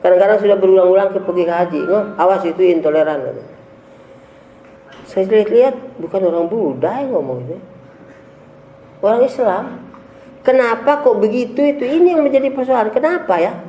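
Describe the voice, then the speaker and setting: A religious leader preaches a sermon to a large gathering hall, emphatic and scornful, firing off rhetorical questions. His voice sits high and is expressive, brisk, and mellow, with a little hiss or hum and an echoey room.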